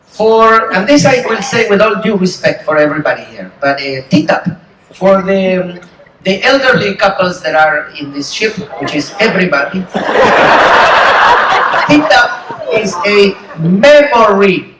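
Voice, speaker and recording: A high-voiced man tells a story on stage, his voice leaping all over as he acts out the people in it. He sounds roomy and distant, as if heard from the seats of a big theatre, over loud crowd noise. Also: a little slow. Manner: animated storytelling, acting out quoted parents with big pitch jumps. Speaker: comedy game show panelist. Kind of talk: stand-up style joke telling on stage. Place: large theatre on a cruise ship. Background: audience laughter.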